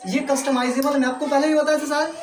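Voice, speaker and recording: A man's voice: extremely high pitch, little pitch movement, fast talker, echoey room, crowd noise, background noise. A man teaching English to a class with an Indian accent, repeating points and often checking that students follow. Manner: repetitive, checks understanding often.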